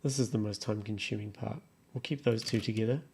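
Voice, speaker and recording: Talking fast in a lowish, slightly mellow voice, a music production tutorial creator casually thinks aloud and mutters to himself while walking through steps on his computer. Clear keyboard and mouse clicks fill the background.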